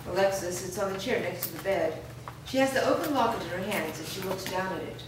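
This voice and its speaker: Lively in intonation and brisk in pace, a mid-range female voice narrates the stage directions at a live screenplay reading. The recording comes from a distance in a reverberant room, with strong echo and background noise.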